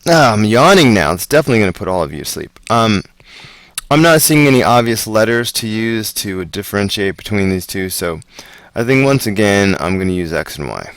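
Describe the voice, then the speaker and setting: A man teaching math homework, talking through word problems in a relaxed, chatty way with asides. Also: fairly low pitch, no echo. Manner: relaxed, chatty, slow and deliberate. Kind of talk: casual homework walkthrough.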